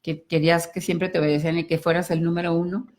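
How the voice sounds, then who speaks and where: A middle-aged woman with a fairly low voice. She talks gently and encouragingly, turning straight to the viewers as she speaks. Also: little pitch movement, fast talker. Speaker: co-host of a personal growth talk. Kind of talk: conversational talk to viewers.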